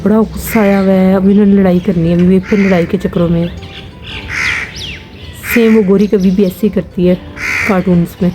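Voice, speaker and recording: A woman's voice: medium pitch, fairly even intonation, a little fast, long pauses, music in the background. A woman family vlogger from Pakistan giving amused, chatty live commentary while filming birds outdoors.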